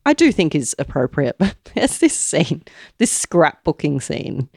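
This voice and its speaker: A woman talks through a film review in a casual chat. Her voice sits fairly low but swings around animatedly. The recording is close and dry, with no room sound. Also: unhurried, gravelly, husky, no room sound. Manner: animated, opinionated, swears freely. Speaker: podcast co-host reviewing a film.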